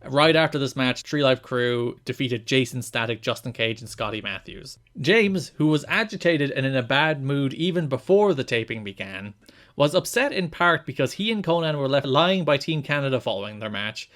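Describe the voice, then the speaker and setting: Man, podcast host, mid-pitched voice, reading news notes, casual commentary. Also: lively intonation, moderate pace, a bit bright.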